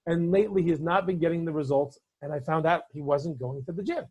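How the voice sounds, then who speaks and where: Husky-voiced man coaching on business. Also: fairly high pitch, quick pace, a little mellow, dull audio. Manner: earnest storytelling. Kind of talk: motivational talk to camera.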